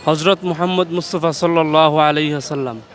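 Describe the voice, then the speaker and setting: A passer-by on the street confidently answering and slowly spelling out words for another person. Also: male voice, a little high, steady tone. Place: outdoors on a busy street.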